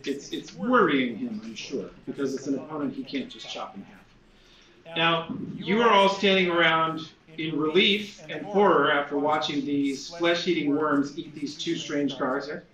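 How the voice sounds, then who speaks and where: Guy game mastering a tabletop rpg, highish voice, bit far from the mic in an echoey room. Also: unhurried, fairly bright tone. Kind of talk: improvised tabletop game narration. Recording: echoey room, distant mic, background chatter.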